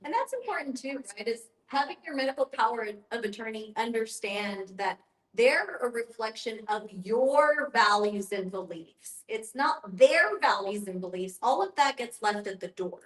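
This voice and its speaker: An end-of-life educator, guest facilitating a group discussion, speaks in a fairly bright, expressive voice on the high side at a moderate pace. She is earnest and explanatory, repeats points for emphasis, and shares personal anecdotes in an echoey room.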